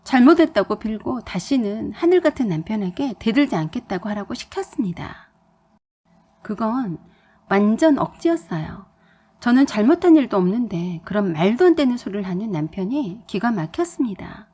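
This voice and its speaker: A woman narrating a personal story in a soft, even storytelling delivery. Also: a little high, normal speed, breathy edge.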